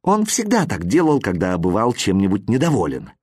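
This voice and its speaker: A man reading a children's story aloud in an expressive, playful storytelling manner. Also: lowish voice, normal speed, husky, no echo. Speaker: audiobook reader.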